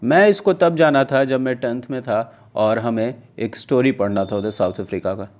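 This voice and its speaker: A man's voice: mid-range voice, darkish tone. Man teaching English vocabulary. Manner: reads English news lines slowly, then explains them with checking questions. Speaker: English teacher for exam students. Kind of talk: casual classroom-style lesson, mixing Hindi and English.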